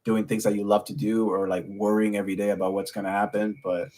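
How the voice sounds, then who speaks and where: A man's voice: fairly low pitch, flat delivery, quick pace, mellow. Rambling man in his thirties. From New York City. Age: 30s. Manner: loose, rambling, heavy on fillers. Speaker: podcast co-host. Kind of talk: casual chat.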